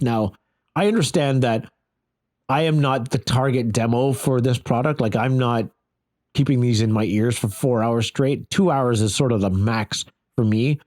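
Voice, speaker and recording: In a conversational gear review told in the first person, a man with a mid-range, slightly dark voice repeats phrases to stress his points as a product reviewer.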